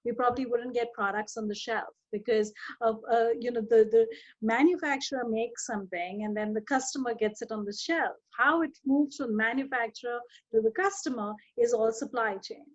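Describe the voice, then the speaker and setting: A woman's voice: fairly high pitch, normal speed, muffled recording. A woman hosting a podcast interview, friendly and hesitant, with frequent fillers. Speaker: podcast host, associate dean. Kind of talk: interview conversation.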